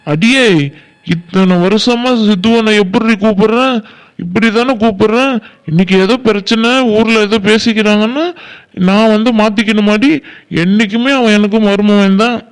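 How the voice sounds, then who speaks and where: A sensible village husband from a family cartoon, voiced by a man, with a high, smooth voice. He speaks calmly and firmly, settling his wife down. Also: normal speed. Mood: soothing. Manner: calming, firm, calls his wife "di". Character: calm fatherly village husband, sensible and firm. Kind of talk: Tamil cartoon voice acting.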